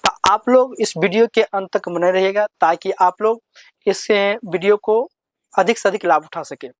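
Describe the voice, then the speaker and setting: A man's voice: sits high, dry recording. A man teaching children to read, asking a question and answering it himself in call-and-response drills. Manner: talks to children, slow and repetitive. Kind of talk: lesson, drilling letters.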